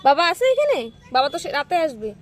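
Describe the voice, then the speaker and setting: With heavy street noise behind her, a mother caught on a phone camera casually talks outside by a street, alternately scolding and coaxing her child in short phrases she keeps repeating. Her high voice swoops wildly in pitch, and she talks quickly.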